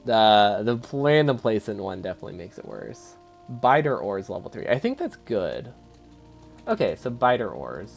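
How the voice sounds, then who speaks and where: A man's voice: on the low side, sing-song, normal speed, creaky, highs cut off, faint music behind. A man streaming a video game live, thinking aloud, chuckling often and answering his chat in a casual, easily amused way.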